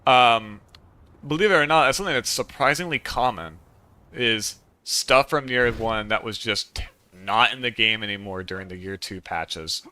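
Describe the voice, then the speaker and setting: A man streaming a video game, chatting casually and calmly explaining game details as he plays. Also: lowish voice, normal speed, smooth. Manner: relaxed, explains game details, chuckles easily.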